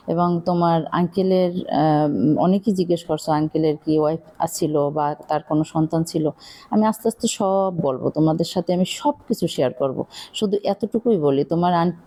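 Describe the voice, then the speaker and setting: Her fairly low, mellow voice belongs to a middle-aged cooking vlogger from Bangladesh who speaks with a Barishal Bengali accent. She talks casually as she cooks, wandering off topic, sharing confidences and using many fillers.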